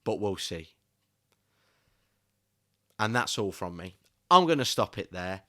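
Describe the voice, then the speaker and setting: A man's voice: low-pitched, very animated, slow pace, a bit bright. A young man giving a casual solo film review, ranting with passionate frustration. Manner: passionate, increasingly irate ranting.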